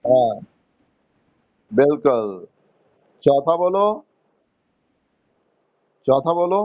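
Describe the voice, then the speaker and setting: A man with an Indian accent teaching English grammar in a classroom, slowly coaxing students to answer and explaining rules in Hindi mixed with English terms. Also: mid-range voice, lively intonation, dull audio. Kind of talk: classroom lesson.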